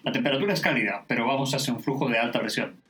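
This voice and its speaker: A man's voice: mid-range voice, racing, fairly bright tone, lightly acted. A man playing a grim sailing teacher. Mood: grave. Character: gruff male sailing teacher, grim and dramatic.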